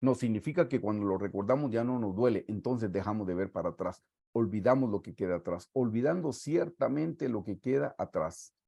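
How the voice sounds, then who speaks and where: A man with a Guatemalan Spanish accent preaching a sermon, reading scripture aloud and stressing words slowly for emphasis. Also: lowish voice, lively intonation, gravelly, warm tone, husky, no echo. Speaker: pastor.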